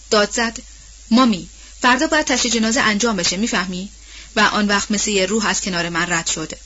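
A woman's voice: mid-range voice, a bit bright, highs cut off, natural voice. Mammy, an anxious old house servant, as a woman reader does her. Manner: plain-spoken, colloquial storytelling. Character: older female house servant, anxious and guilt-ridden.

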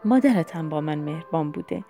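A woman voicing a lonely elderly aunt who speaks softly and tenderly in an audiobook. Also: low voice, expressive, creaky, soft background music. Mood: tender, wistful.

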